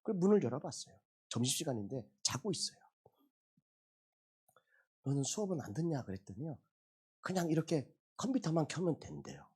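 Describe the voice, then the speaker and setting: A man's voice: a little high, fairly quick, gravelly, pauses often, breathy edge. A middle-aged man, a pastor, preaching a Sunday sermon in a church sanctuary and telling personal stories with humor. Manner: animated storytelling with personal anecdotes and humor.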